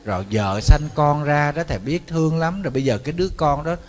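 A man voicing a middle-aged unfaithful husband who coaxes and pleads, softer and lower than his usual talk. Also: quick pace, lightly acted. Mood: pleading. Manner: coaxing, wheedling.

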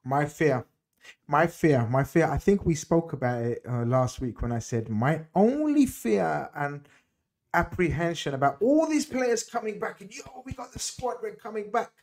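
A middle-aged man hosting a football chat from home over a video call, speaking into a desk mic. His voice sits slightly high. He is emphatic and hammers points home by repeating words. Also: very animated, moderate pace, darkish tone. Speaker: host.

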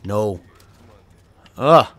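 With drawn-out words and a fairly low pitch, a young man from Boston offers laid-back commentary on his gameplay as a video creator. There's no echo on the recording; he gets excited easily, swears and laughs a lot, and lets out yelps when caught off guard.

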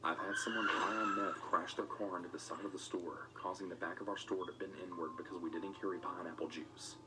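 A man reading a first-person scripted story in a matter-of-fact way, as narrator of an animated video. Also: low voice, a little fast, very noisy. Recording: music playing under the voice.

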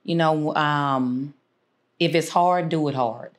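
Brief: low-pitched woman from Houston, interview guest, unhurried with many fillers. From Houston, Texas. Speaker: guest, insurance agency owner. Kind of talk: casual interview. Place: small studio room, seated.

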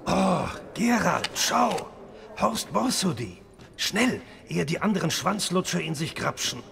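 A man's voice: sits high, sing-song, unhurried, gravelly, fairly bright tone, full character voice. An actor playing a sly, jovial older man in a fantasy game, chummy and wry.

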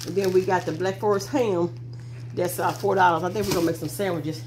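Rambling through a casual vlog, this middle-aged woman talks to viewers from her car before moving to the kitchen table to display her groceries. She speaks briskly, with a lowish, darkish voice and fairly even intonation, and the car recording carries a lot of noise.

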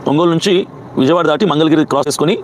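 A man, a pastor with a Telugu accent, rapidly recounting a personal incident in an agitated storytelling manner. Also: fairly high pitch, fairly even intonation, slight background noise.

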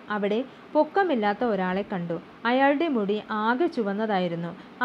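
A woman narrates an audiobook in a steady, clear manner. Her voice sits fairly high, and the recording is slightly dull, with a faint hum underneath. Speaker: audiobook reader. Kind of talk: storybook narration.

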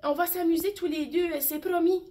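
A woman voicing a small, timid but brave female mouse who speaks politely and hesitantly, in a high voice. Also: fairly even intonation, normal speed, dark tone. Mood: reassuring.

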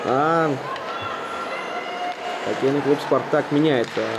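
A man calls an ice hockey game live, play by play. He uses short, clipped phrases in a medium-pitched voice, with heavy arena noise and a very loud crowd around him. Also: takes it slowly. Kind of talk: live sports play-by-play commentary. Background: loud crowd and rink noise.

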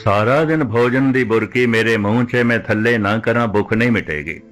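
A man preaching a Sikh sermon who poses rhetorical questions and slows right down to recite scripture lines. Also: mid-range voice, a bit bright, soft background music. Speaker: Sikh preacher giving katha.

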